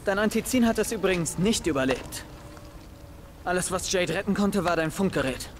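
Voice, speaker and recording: Rahim, a brash young survivor boss. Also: male voice, high voice, animated, moderate pace. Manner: curt, impatient and sarcastic. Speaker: game character. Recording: game audio with clear background noise.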